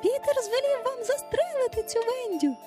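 A woman voicing a jealous, spiteful tiny female fairy with a shrill, bossy voice in a storybook reading. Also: lively intonation, normal speed, over music. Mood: shrill urging. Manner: shrill, urging.

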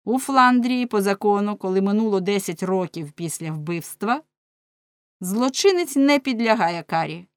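A woman reading an audiobook voices a stern male judge who declaims loudly. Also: mid-range voice, animated, moderate pace, no echo, natural voice. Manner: loud, declaiming verdict.

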